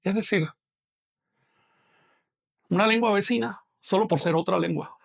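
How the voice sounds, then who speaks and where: A man giving an online language lecture, explaining patiently and slowing down to model pronunciation. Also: high-pitched, gravelly. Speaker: language teacher.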